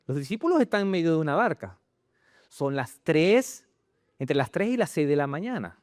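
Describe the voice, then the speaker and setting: A man preaching a sermon in church, animated and full of rhetorical questions to the congregation. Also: on the high side, moderate pace, no echo, clean studio sound. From Chile. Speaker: pastor.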